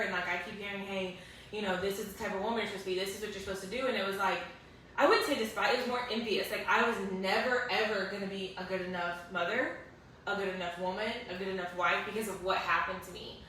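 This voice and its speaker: A young woman speaks earnestly and emotionally, her voice bright and forceful. She sits away from the microphone in a very echoey room. Faint hiss runs underneath. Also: mid-range voice, fairly even intonation, quick pace, recorded from a distance. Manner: earnest, emotional, many fillers. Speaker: guest sharing her story. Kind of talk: emotional personal storytelling.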